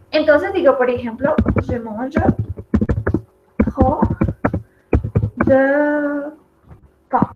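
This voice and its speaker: A woman teaching a French lesson in Spanish, explaining each example step by step and repeating it. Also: high voice. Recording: echoey room, dull lo-fi audio, noisy.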